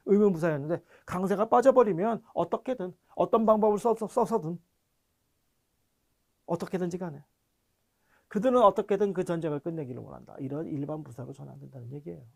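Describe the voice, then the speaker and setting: High-pitched, with vocal fry and a darkish tone, a male language teacher leads an online grammar lesson. Foreign words get a slow, deliberate reading, and he moves step by step while frequently confirming students are with him.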